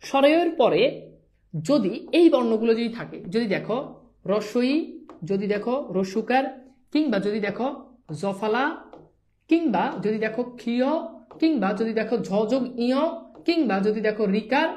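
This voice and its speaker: A woman's voice: on the high side, lively intonation, normal speed, long pauses, a little mellow. A woman teaching a live online grammar lesson, quizzing her students and repeating each pronunciation several times. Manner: sprinkles English words into speech.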